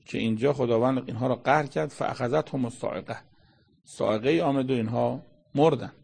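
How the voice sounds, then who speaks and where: Male preacher, slightly raspy tone, relaxed explanatory delivery, breaks into quoted Arabic scripture. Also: mid-range voice. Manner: colloquial explaining, quoting Arabic verses. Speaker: Quran commentator. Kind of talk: conversational religious lecture.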